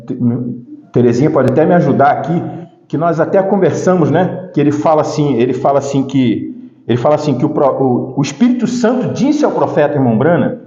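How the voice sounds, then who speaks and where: High, lively male preacher in an echoey hall. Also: fairly quick. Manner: conversational, with frequent "né?" asides and restarts, rising to emphatic preaching. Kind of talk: informal sermon. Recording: echoey hall, dull lo-fi sound.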